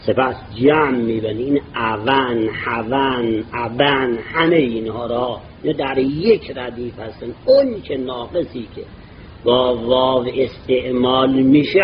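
A man teaching Arabic grammar in a lecture, reading Arabic phrases slowly and then explaining them at length. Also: medium pitch. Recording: dull lo-fi recording with clear background noise.

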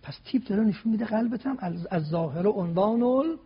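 A man's voice: high-pitched, expressive, breathy edge. A man giving a religious talk on a TV program, laying out his points one by one with emphatic rhetorical questions. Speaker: religious guest speaker. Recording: dull lo-fi broadcast sound.

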